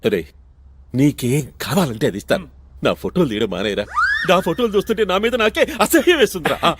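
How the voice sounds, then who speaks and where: A man's voice: very animated, brisk, slight background noise. An actor playing a blustering middle-aged family head with big theatrical swings in his voice, from a film soundtrack with music underneath. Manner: theatrical, exaggerated swings of pitch. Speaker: comic actor.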